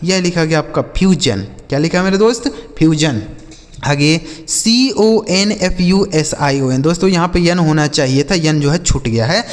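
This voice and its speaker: A man with a Hindi accent teaching English spelling, spelling out letters slowly and asking questions that he answers himself. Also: fairly high pitch, in a large hall. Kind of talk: spelling lesson.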